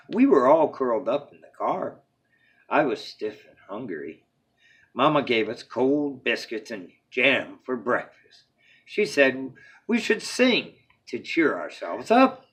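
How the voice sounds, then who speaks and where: A man reads a children's storybook aloud as a bedtime story, with a medium-pitched, breathy-edged voice. His phrasing is dramatic, opening emphatically and falling to a hush at the end of each phrase.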